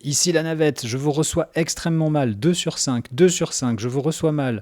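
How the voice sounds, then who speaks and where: A man's voice: fairly high pitch, normal speed, a little mellow, pitched above the performer's own voice, close to an everyday voice. A man voicing a stranded shuttle survivor in a tabletop game, making an emphatic, repetitive radio call for help. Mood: urgent.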